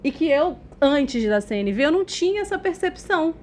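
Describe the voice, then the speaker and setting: Brazilian woman, communication-expert guest; expressive, loud-natured storyteller, slightly high voice. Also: moderate pace, a little hiss or hum. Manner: expressive, animated storyteller who laughs often; says she talks loudly by habit. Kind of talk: casual interview storytelling.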